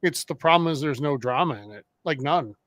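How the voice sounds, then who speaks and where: A man's voice: fairly high pitch, lively intonation, brisk, a bit bright, no room sound. A man co-hosting a casual watch-along chat, talking loosely and trailing off into fillers. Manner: chatty, trails off mid-sentence with fillers. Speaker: co-host of a wrestling watch-along.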